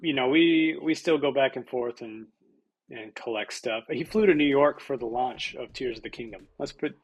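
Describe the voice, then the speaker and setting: A man's voice: medium pitch, normal speed, husky, highs cut off. A man in his thirties or forties chatting casually on a podcast, rambling with many fillers and laughing often. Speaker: podcast co-host. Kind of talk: casual chat.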